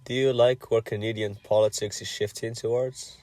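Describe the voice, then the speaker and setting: A man's voice: lowish voice, flat delivery, normal speed, darkish tone, no room sound. A man in his twenties from Algeria, chatting with strangers online in a blunt, curious way and swearing freely. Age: 20s. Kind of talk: casual chat.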